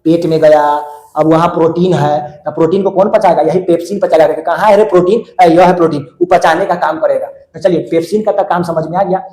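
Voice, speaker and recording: Guy teaching, high voice, keeps repeating words and quizzing the kids, echoey room. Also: fairly even intonation, fairly quick, darkish tone. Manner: drills students with call-and-response questions; repeats words many times, colloquial. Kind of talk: classroom lesson.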